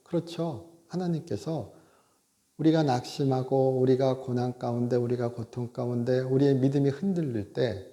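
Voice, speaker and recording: A male pastor giving a conversational sermon, often tossing in a quick "yes" and sometimes acting out a scolding voice with rising force. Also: medium pitch. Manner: conversational preaching with frequent interjected "yes"; animated, acts out God scolding in raised voice. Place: church sanctuary. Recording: echoey church hall.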